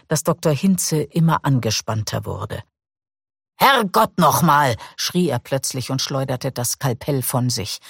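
A man reading a novel aloud in calm, measured audiobook narration. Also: medium pitch, creaky, slightly rough, no room sound, studio quality.

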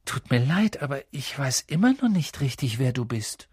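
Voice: medium pitch, very animated, normal speed, a little mellow, breathy edge, no room sound, studio quality. A narrator voicing a polite, bewildered young boy in an audiobook, asking hesitant questions. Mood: puzzled. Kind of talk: audiobook reading.

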